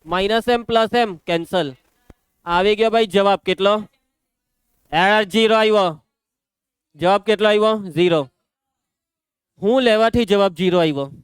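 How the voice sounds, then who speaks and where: Gujarati male teacher, high and smooth, brisk and teasing with students, dry close mic. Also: no echo. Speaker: maths teacher. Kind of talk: classroom lesson.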